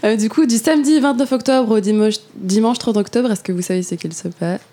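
A woman's voice: mid-range voice, brisk, mellow. A woman co-host sharing a practical tip in a playful, mock-formal way. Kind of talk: casual chat.

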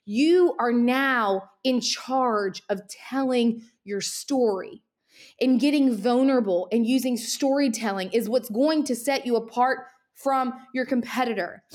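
Young woman, solo podcast host, slightly high voice, rapid animated pep-talk delivery, a bit winded. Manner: energetic, animated, talks very fast. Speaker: podcast host, social media marketer.

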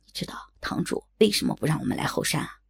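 Woman doing a low husky bandit big brother, cautious and scolding, kinda tired. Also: expressive, normal speed, full character voice. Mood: cautioning. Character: cautious weary older male bandit brother.

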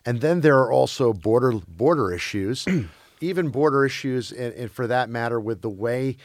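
A man's voice: medium pitch, normal speed, dry recording. A man who grew up in Belgium, talking casually about film and streaming, with many restarts and fillers.

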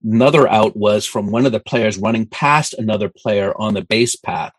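Brief: middle-aged male co-host, lowish voice, deadpan ribbing, dry close sound. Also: moderate pace, no room sound. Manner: dry, teasing humor. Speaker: podcast co-host. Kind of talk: casual chat. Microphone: video call.

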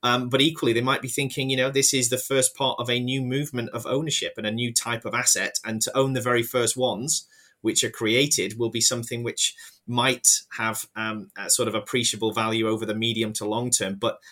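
A man's voice: mid-range voice, level tone, fairly quick, sharp tone. A man speaking as a finance expert guest on a podcast, explaining carefully and often repeating words as he hesitates.

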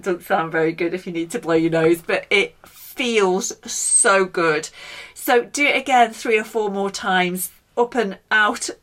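Playful woman teaching breathing exercises, lowish voice. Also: fairly bright tone. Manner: playful, encouraging, talks listener through steps. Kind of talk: guided breathing lesson, casual chat.

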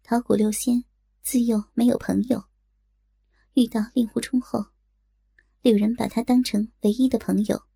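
A woman narrating a martial-arts tale in a steady, scripted audiobook delivery. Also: fairly high pitch, gravelly, slightly rough, no room sound, studio quality.

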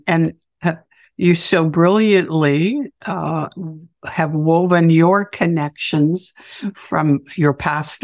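Raspy-voiced woman interviewer, low pitch. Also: no room sound, clean studio sound. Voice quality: raspy morning voice. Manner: warm, affirming, searching for words. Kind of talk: interview conversation.

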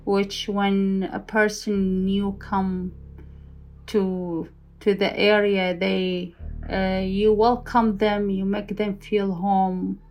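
Woman volunteer, slow and hopeful, stops and restarts a lot, soft music behind. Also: mid-range voice, little pitch movement, rough recording. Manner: hopeful, hesitant, restarts often. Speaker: refugee volunteer and co-producer. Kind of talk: reflective personal testimony.

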